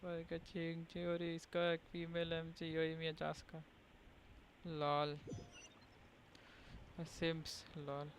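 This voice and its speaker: A man with an Indian accent chats casually over gameplay while livestreaming, informal and slangy, switching between English and Hindi. His voice is on the high side and monotone, very fast, with frequent pauses. His stream mic picks up slight background noise over the game music.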